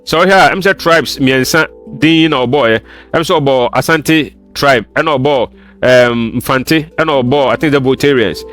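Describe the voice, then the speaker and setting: A man with a Ghanaian accent hosting a commentary, talking in a measured, hedging way. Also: mid-range voice, fairly bright tone, soft background music. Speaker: channel host. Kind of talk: commentary mixing Twi and English.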